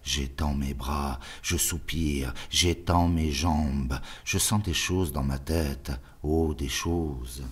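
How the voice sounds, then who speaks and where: A man's voice: rumbling low, takes it slowly, few pauses, breathy edge. A man giving a theatrical dramatic reading of a literary story with lingering delivery. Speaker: reader.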